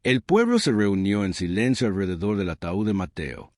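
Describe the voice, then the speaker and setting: Solemn low-voiced male storyteller. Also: sing-song, darkish tone, no echo, clean studio sound. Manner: solemn, sorrowful, measured. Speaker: narrator. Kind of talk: dramatic story narration.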